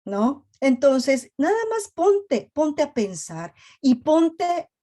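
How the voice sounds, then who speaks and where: Woman, holistic therapist, reflective talk, very slow delivery, emphatic, video call audio. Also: high-pitched, big pitch swings, dark tone. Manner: slow, emphatic, frequent "este" fillers. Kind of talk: monthly reflective talk to parents.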